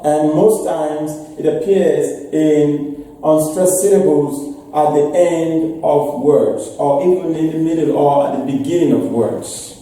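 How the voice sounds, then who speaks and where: Slow, deliberate man teaching in an echoey room. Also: fairly high pitch, mellow, far from the mic. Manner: slow, drawn-out, repeats each word several times. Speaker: English pronunciation teacher. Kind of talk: classroom lesson at a board. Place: classroom.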